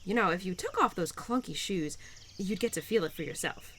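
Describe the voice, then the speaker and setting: A woman voices a cheerful, playful, pun-loving spirit of spring, Mother Nature's daughter, in an intimate audio roleplay. She teases and encourages at a brisk pace, her pitch swinging in a lively way, with the occasional flustered hesitation and a playful, cheerful mood. Insects and outdoor nature sounds are clearly audible behind her, along with slight background noise.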